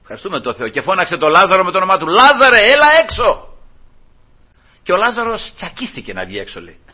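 Lively high-voiced male preacher, lo-fi. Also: breathy edge. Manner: animated, acts out the dialogue of the people he tells about; chuckles often while preaching. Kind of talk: sermon. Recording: dull lo-fi recording.

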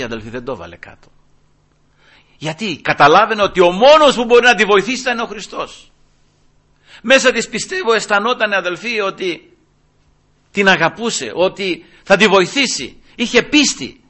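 A man in his sixties preaching a sermon with fervor, often calling his listeners brothers, dropping to hushed asides and then rising to loud cries. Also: high-pitched, lively intonation. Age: 60s. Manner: addresses listeners as brothers again and again.

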